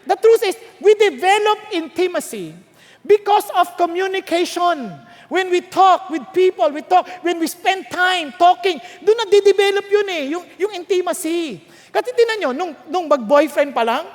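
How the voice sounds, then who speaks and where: A woman preaching a sermon, telling lively stories, acting out voices and laughing often. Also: extremely high pitch. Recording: long hall reverb.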